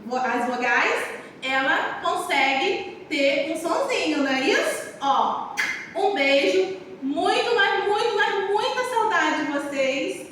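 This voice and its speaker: Woman teacher, very high voice, talks slowly to young kids, heard from a distance. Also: slight background noise. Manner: animated, sing-song, speaking to young children. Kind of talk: children's lesson. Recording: very echoey room, far from the mic.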